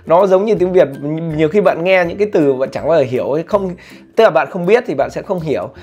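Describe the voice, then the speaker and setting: A man's voice: fairly high pitch, expressive, fast, darkish tone, breathy edge. A man giving casual tips on learning English, rambling with many fillers and self-corrections, and saying he is not a teacher. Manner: says plainly he is not a teacher. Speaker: vlogger sharing study tips. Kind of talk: casual spoken tutorial. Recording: light background music.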